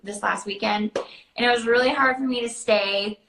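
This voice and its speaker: In a casual Q&A about character voices, a woman guest answers in a bright, forward, slightly high voice with a steady tone. Her phrasing is informal and hesitant, full of "like," and the room has a noticeable echo.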